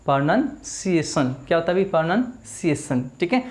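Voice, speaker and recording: A man teaching a video English class in Hindi, saying each word slowly and asking listeners to repeat it back. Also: a little high, sing-song. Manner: drills words slowly, repeats them, asks the class to repeat. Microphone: small camera in front of him.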